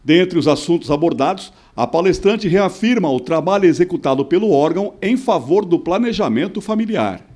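Guy doing news voice-over, lively up and down delivery, bit high. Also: moderate pace, few pauses. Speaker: news reporter. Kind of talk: news narration.

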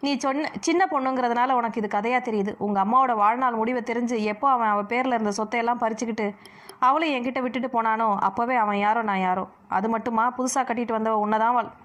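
A woman's voice: a little high, fairly even intonation, fast talker, a bit bright, natural voice. A woman reading an audio novel, voicing a loving old grandmother who grieves over her granddaughter's lot and speaks bitterly of the girl's father. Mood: grieving.

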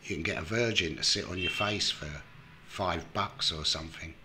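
A man voicing a brash, cocky male journalist with casual slang and a deep voice. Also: normal speed, pushed and bright, slight background noise.

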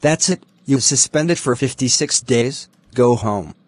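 A synthetic text-to-speech male voice reading lines for animated characters, with a flat machine delivery. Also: mid-range voice, measured pace, no room sound.

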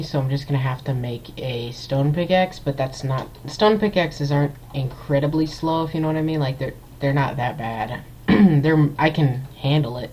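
A man's voice: on the high side, darkish tone, muffled recording, a little hiss or hum. A man hosting a gameplay video, giving casual let's-play commentary in a rambling way, full of fillers and restarted sentences, into a desktop computer mic.

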